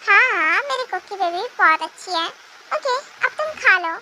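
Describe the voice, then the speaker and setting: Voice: very high-pitched, expressive, normal speed. A fan dubber voicing a patient young husband and father who sounds soothing, indulgent and mildly exasperated. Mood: fond. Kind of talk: amateur fan dub. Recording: noisy home recording.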